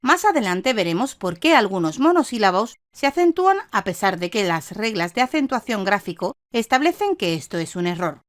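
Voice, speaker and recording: A woman reading a scripted instructional lesson in a measured, didactic way, stressing each example word. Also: medium pitch, big pitch swings, dry recording, studio quality. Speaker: online course narrator.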